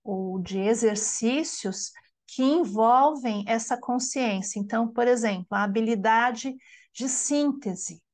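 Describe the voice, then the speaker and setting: A woman's voice: a little high, a little mellow. A woman with a Brazilian Portuguese accent, leading a study group as teacher, explaining patiently and often checking in with a tag question. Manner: explanatory, frequent tag "né?", slows to pronounce words syllable by syllable. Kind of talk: online lecture on bilingual education.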